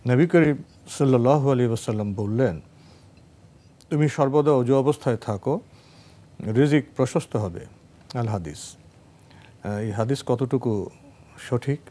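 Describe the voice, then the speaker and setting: A man's voice: mid-range voice, unhurried, pauses often, mellow. A man hosting a religious question show, formally reading viewers' letters aloud. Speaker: host.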